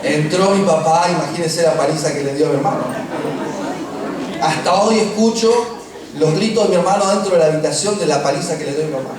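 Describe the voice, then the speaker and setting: A middle-aged man with an Argentine accent preaching a sermon, telling personal stories with humor and slowing down for emphasis. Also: fairly high pitch. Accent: Argentine Spanish. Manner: humorous storytelling, slows for emphasis. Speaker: pastor. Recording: echoey room, distant mic, faint noise.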